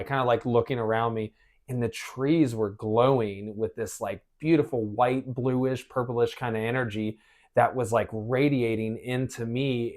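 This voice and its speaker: This is a man with an American accent and a medium-pitched, somewhat mellow voice. He hosts a podcast, telling personal stories in casual, conversational speech.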